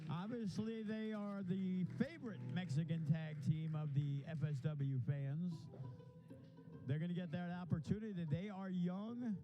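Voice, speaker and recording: A man's voice: sits high, measured pace, lo-fi sound. A man giving conversational live commentary on a wrestling match, with music playing behind him.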